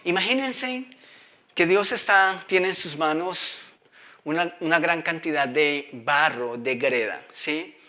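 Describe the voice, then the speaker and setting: A man preaching a sermon in a high, bright voice. He reads scripture aloud and keeps turning to the audience with questions to draw them in. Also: slow.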